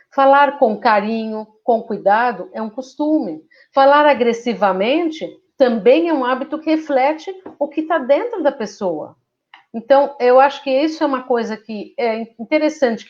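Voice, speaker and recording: Woman, high voice, conversational devotional talk full of rhetorical questions, muffled lo-fi sound. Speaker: spiritist speaker.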